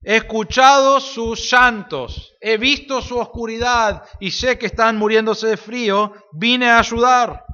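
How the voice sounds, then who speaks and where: Preacher voicing a calm, inviting stranger. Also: male voice, very high voice, measured pace, few pauses, heavily acted. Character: kind mysterious stranger man bringing fire. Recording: reverberant hall, dull lo-fi sound.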